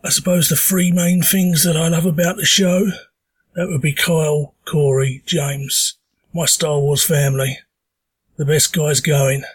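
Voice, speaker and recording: An Essex man speaks informally, as if leaving a message for friends. His voice is fairly high for a man and noticeably husky, hoarse with a sore throat. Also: little pitch movement, a little slow. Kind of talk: informal recorded congratulatory message.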